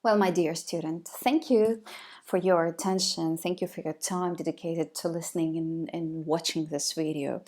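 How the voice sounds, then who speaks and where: A woman's voice: low voice, fairly even intonation, moderate pace, a little mellow. A woman giving a recorded video lecture, hesitant, with many fillers and restarts.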